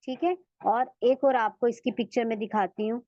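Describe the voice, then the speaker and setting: A woman teaching Quran recitation in an online lesson, patiently repeating sounds slowly for her students to copy. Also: fairly high pitch, fairly even intonation, warm tone, no room sound, muffled recording.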